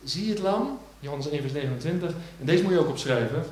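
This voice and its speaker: A male preacher delivering a sermon, rising loud on key words and dropping to hushed low phrases. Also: animated, quick pace. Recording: echoey church hall.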